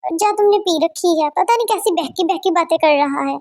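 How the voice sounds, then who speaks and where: A high-voiced performer dubbing an irritated young male college student who snaps and scolds. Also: normal speed, darkish tone. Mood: annoyed. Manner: snappy, scolding. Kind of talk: Hindi fan dub.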